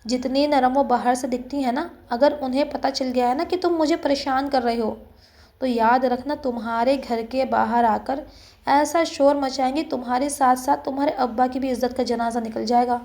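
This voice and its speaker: A woman's voice: high-pitched, fairly even intonation, a little mellow. A woman voicing a fiery young woman coworker who snaps back with scolding, threatening retorts. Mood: scornful.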